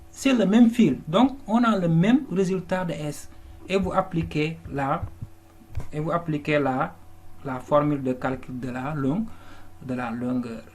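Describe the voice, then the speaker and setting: A man teaching a lesson, working patiently through an exercise step by step, often restarting words and checking that students follow. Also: high voice. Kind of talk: classroom lesson walkthrough. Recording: faint background noise.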